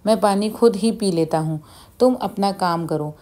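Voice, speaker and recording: A kindly older father-in-law, calm and firm, as a woman storyteller puts him on. He speaks in a fatherly way, as in a storybook family tale. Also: mid-range voice, normal speed, close to an everyday voice.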